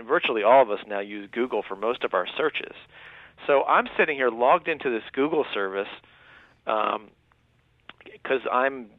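A man's voice: medium pitch, no room sound. A man in his thirties, a guest writer, earnestly explaining in a radio interview, with many restarts and fillers. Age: 30s. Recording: thin phone-line sound.

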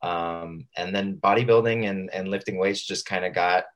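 A man from Southern California chatting casually as an interview guest, in informal, rambling, halting phrases. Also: low-pitched, fairly even intonation. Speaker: radio show guest, fitness coach.

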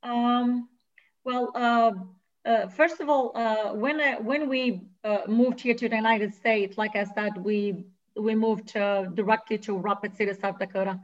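A woman's voice: a little high, fairly even intonation, measured pace, highs cut off. A woman from Morocco with a Moroccan accent, speaking earnestly as a radio interview guest, with many hesitations and restarts.

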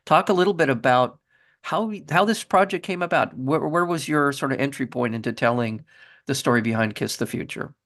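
A middle-aged man hosting a radio interview, reading a scripted intro, then asking questions in measured phrasing with frequent restarts. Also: mid-range voice, a bit bright. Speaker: radio show host.

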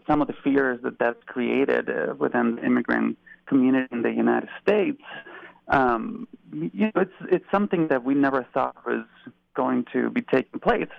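A man from Argentina calls in to a radio show and answers thoughtfully, pausing often with ums. His voice is strongly gravelly and comes through a dull, muffled line. The sound is dry and close. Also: mid-range voice, no room sound. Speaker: guest caller, research fellow. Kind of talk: phone-in interview.

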